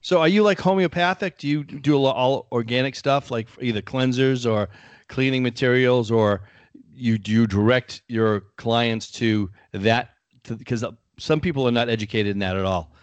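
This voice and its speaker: A man's voice: medium pitch, normal speed, clean tone, no room sound, highs cut off. A man co-hosting a home improvement podcast, chatting casually and acting out his own stories. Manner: storytelling, acts out what he told people. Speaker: podcast co-host. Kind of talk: casual chat.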